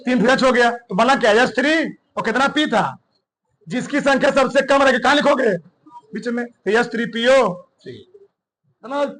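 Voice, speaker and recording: A man teaching a chemistry class, quizzing students with constant call-and-response questions and dictating notes slowly. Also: very high-pitched, a bit bright, a little hiss or hum, poor audio. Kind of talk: classroom lecture.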